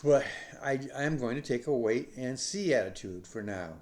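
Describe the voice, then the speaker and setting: A man's voice: mid-range voice, animated, moderate pace, a little mellow. A middle-aged man from the United States hosting a news commentary podcast, rambling with many fillers and restarts. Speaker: podcast host.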